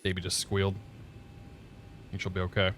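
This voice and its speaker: A man's voice: low voice, completely flat delivery, unhurried, a bit bright. A man hosting a flight simulator livestream, chatting casually and thinking aloud to his viewers.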